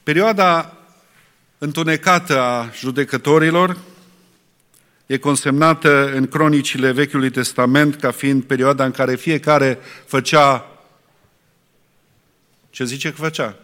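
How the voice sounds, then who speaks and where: A man preaching a sermon, asking rhetorical questions and pausing often to restart. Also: mid-range voice, fairly even intonation, a bit bright. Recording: long reverb in a hall.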